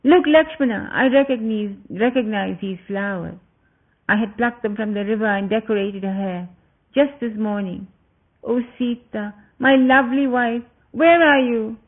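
Guy doing a grieving young prince, high and loud, really passionate, tinny phone audio. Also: steady tone, normal speed. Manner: impassioned, loud exclamations.

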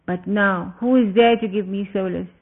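A man voicing an anguished, passionate young prince who cries out his words loudly, heard through a tinny phone-like recording. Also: sits high, steady tone, normal speed, creaky. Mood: grieving. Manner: impassioned, loud exclamations.

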